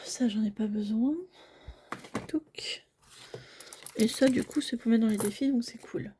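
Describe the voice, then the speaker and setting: A budgeting vlogger fills cash envelopes at home while chatting casually, talking through each little task, frequently apologizing to viewers and sometimes nearly whispering. Her fairly high voice is dark in tone, fairly quick, with fairly even intonation, and slight background noise can be heard.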